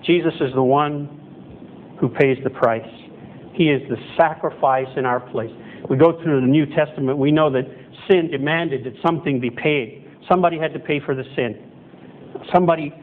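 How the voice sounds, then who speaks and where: A middle-aged man preaching a conversational sermon as pastor in a chapel, correcting himself as he goes. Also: a little high. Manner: conversational, self-correcting, acts out quoted voices. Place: church chapel hall with projector screen, indoors. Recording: tinny phone-like sound with faint noise.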